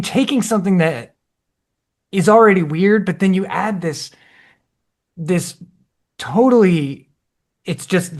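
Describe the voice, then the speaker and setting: A man co-hosting a podcast, talking in an excitable, enthusiastic way and swearing casually. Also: a little high. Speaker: podcast co-host. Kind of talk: casual chat.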